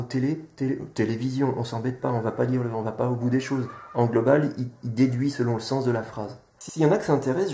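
A man calmly explaining to viewers how children learn to read, sounding out syllables one by one. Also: mid-range voice. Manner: patient, sounds out syllables step by step. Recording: echoey room.

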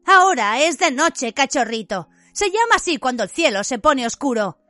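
A woman narrating an audiobook, voicing an angry, defiant teenage boy who snaps sharp threats at his cousin. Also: high-pitched, big pitch swings, normal speed, dry recording, faint music behind, pitched above the performer's own voice, exaggerated voice. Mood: mocking. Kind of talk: audiobook character voice.

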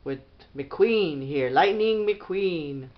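A woman introducing a home video and gently prompting her child as he reads a story aloud. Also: on the low side, animated, drawn-out words, muffled recording. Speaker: parent prompting a child reader.

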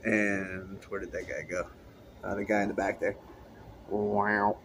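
Low-voiced man touring his fish tanks. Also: flat delivery, a little slow, a bit bright, a little hiss or hum. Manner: rambling, easygoing, talks to the fish. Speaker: aquarium hobbyist vlogger. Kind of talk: casual tank walkthrough. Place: indoor fish room with rows of tanks. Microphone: handheld phone camera.

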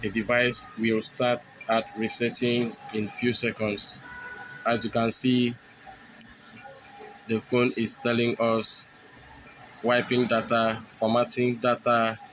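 A man narrating a step-by-step phone tutorial, explaining each button press in steady, repetitive phrasing. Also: mid-range voice, slow, pauses often, background noise. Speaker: tech tutorial host.

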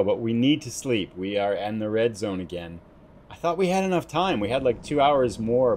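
A man's voice: lowish voice, a little hiss or hum. A man hosting a let's play, talking casually and thinking aloud as he drives through the game. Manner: relaxed, chatty, thinking aloud while driving. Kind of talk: casual gameplay commentary.

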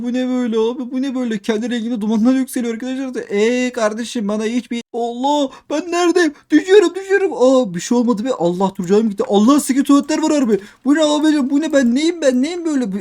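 A young man doing excitable game commentary, repeating himself and talking straight to his viewers. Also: extremely high pitch. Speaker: gaming youtuber. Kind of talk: let's play commentary.

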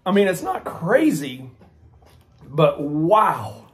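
A man's voice: fairly high pitch, sing-song, slow. A middle-aged man chatting casually while reacting to his mouth burning from spicy food. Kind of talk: casual challenge chat. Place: small room at home, indoors. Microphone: camera across the table.

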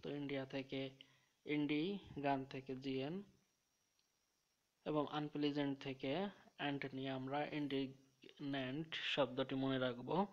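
A man explains English words in a methodical teaching voice, listing synonyms one after another. His delivery stays flat and even, with little rise and fall. The recording sounds dull and lo-fi. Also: mid-range voice. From Bangladesh. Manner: slows down to read example sentences. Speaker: vocabulary teacher. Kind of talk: explaining English vocabulary with mnemonics.

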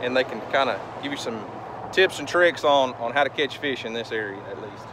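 A man's voice: medium pitch, brisk. A man in his thirties, vlogging about fishing, talking upbeat and chatty to a camera at arm's length on a windy beach. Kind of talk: casual outdoor vlog. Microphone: handheld camera at arm's length.

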